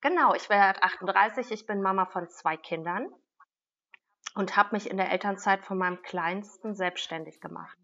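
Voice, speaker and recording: A woman in her late thirties chats casually as an interview guest, lively and animated, often breaking into laughter. Her voice sits at an everyday middle pitch. The recording is dull and a little lo-fi. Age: 30s. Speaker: business mentor, guest.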